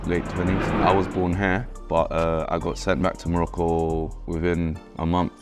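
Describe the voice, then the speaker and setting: A deep, low-pitched man in his thirties with a South London accent recounts his past in an easygoing, slang-filled way. His tone stays reflective and unhurried. A faint music bed plays underneath. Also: little pitch movement. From London, England. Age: 30s. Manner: laid-back, slang-heavy, reflective. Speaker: rapper interviewee. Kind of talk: casual interview storytelling.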